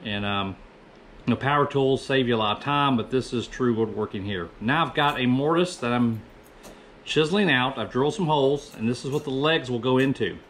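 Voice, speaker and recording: His voice medium-pitched, a bit bright, and a little fast, a man in his fifties narrates his own woodworking project with a faint hiss or hum behind him. He rambles casually and keeps correcting himself in a small indoor workshop.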